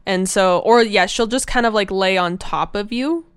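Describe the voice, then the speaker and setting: A woman's voice: medium pitch, moderate pace, clean tone, no room sound, studio quality. A young woman co-hosting a podcast in casual chat, talking in loose, filler-filled runs. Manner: chatty, lots of fillers and restarts. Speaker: podcast co-host.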